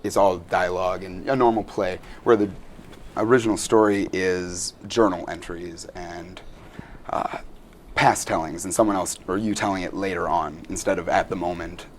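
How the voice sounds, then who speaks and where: A man's voice: low voice, steady tone, normal speed, a little hiss or hum. A young man, a student actor, answering interview questions in an earnest, rambling way with many fillers.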